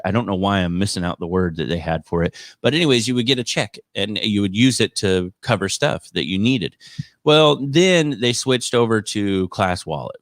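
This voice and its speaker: A man's voice: lowish voice, no room sound, clean studio sound. A man giving casual live commentary on education news as a podcast host, in an exasperated, sarcastic way. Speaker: teacher hosting a podcast.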